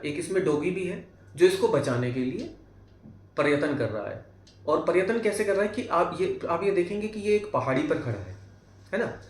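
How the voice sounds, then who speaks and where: Man, Hindi accent, tarot teacher, slightly high voice, roomy echo. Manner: explanatory, many tag questions and fillers. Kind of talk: explaining cards one by one. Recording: echoey room.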